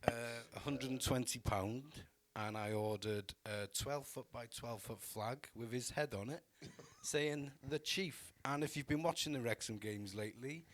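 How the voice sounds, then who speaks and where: A man's voice: medium pitch, measured pace, hardly any pauses, a bit bright. A man hosting a casual podcast, easygoing and laughing through his own stories. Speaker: podcast host.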